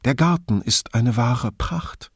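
A man's voice: mid-range voice, lively intonation, takes it slowly, husky, no echo, clean studio sound, voice pushed up, exaggerated voice. A man reading aloud and voicing a theatrical woman who gushes with syrupy admiration. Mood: gushing.

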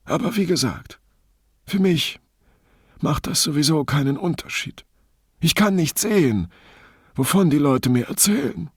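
A man's voice: a little high, expressive, a little slow, long pauses, husky, no room sound, studio quality, pitched above the performer's own voice, exaggerated voice. Male reader doing a blind schemer: raised, whiny, self-pitying voice. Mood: plaintive. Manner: plaintive, martyred.

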